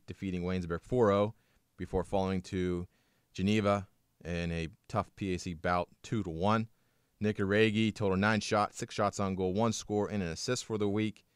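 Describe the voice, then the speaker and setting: A man's voice: on the low side, clean tone, dry recording, clean studio sound. A young man co-hosting a college sports podcast, running through scores and stats in an upbeat way with light banter. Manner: reads stats briskly, upbeat promo tone. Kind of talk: scripted sports recap, casual banter.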